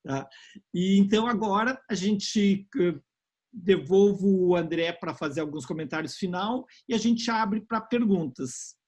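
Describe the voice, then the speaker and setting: A man's voice: high voice, measured pace, darkish tone. A man moderating an online Q&A, introducing the guest informally with fillers. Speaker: event moderator. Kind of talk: casual moderating on a call.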